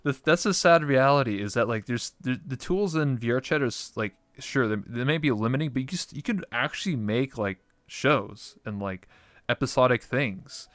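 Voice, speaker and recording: A man's voice: medium pitch, normal speed, fairly bright tone, dry recording. Casting: man, clean resonant voice recorded dry, slangy rambling conversationalist who swears freely. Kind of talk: casual interview chat.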